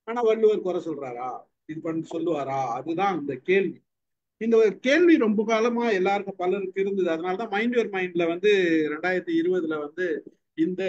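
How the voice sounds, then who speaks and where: High-voiced man hosting an online discussion. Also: darkish tone, lo-fi sound. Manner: informal, rambling explanation with many fillers. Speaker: host.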